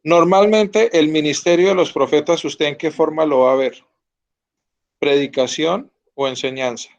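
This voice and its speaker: A man's voice: a little high, moderate pace, dull audio. A man teaching an online Bible class, earnest and often checking that his students follow. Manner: earnest, asks students to confirm.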